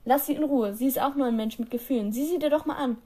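A woman's voice: high-pitched, quick pace, dark tone. A woman voicing a protective teenage boy who speaks up urgently.

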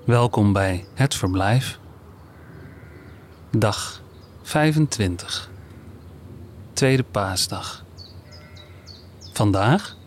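A man introduces the show at a very slow, deliberate pace. His voice sits slightly low. Faint outdoor ambience with birds runs behind him. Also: expressive, slight background noise. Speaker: podcast host. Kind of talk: spoken introduction.

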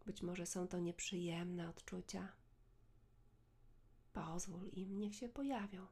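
A woman leads a guided meditation in a soft, hushed, soothing voice close to the ear, measured, with long pauses. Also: fairly low pitch, fairly even intonation. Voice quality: soft, breathy.

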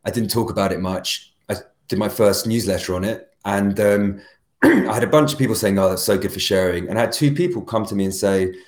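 A man with a low voice talks as a guest on a podcast, animated and rambling, often restarting his sentences. His voice carries a roomy echo. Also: fairly quick. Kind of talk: casual podcast conversation.

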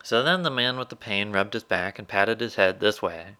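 A man's voice: on the low side, normal speed, sharp tone. A man doing a sly, polite storybook raccoon. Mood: coaxing. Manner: pleasant and coaxing.

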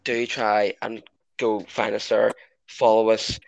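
A man's voice: on the low side, flat delivery, slow pace, gravelly, a little hiss or hum, low-quality recording. A man hosting a football podcast in a casual, chatty way. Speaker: podcast host. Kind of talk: casual chat, moderating a football discussion.

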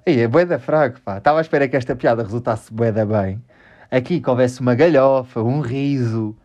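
On dull-sounding audio, a European Portuguese man speaks quite quickly in a mid-range, slightly dark voice. Hosting a relaxed podcast, he meanders, laughs at himself, and curses often.

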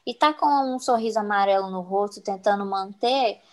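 A woman's voice: mid-range voice, fairly quick. A woman, co-hosting a casual podcast and telling everyday stories with dramatic, exasperated asides. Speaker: podcast co-host. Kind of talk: casual chat.

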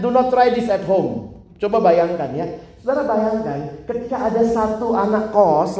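In an echoey church hall, a man with a high voice preaches a sermon, telling stories animatedly and putting questions to the audience.

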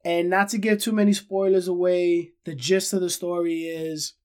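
A man's voice: high voice, level tone, moderate pace, darkish tone, clear, resonant tone. Nasal, congested man hosting a podcast. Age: 30s. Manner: emphatic repetition, addresses listeners as guys. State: stuffed-up nose from a cold, short of breath. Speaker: podcast host. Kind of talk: solo pop-culture podcast commentary, casual.

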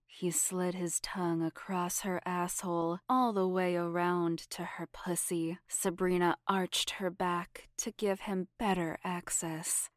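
A woman reading a scripted adult story aloud, slow and soft, sometimes dropping to a whisper. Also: on the low side, little pitch movement, no echo, studio quality. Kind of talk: scripted erotic story narration.

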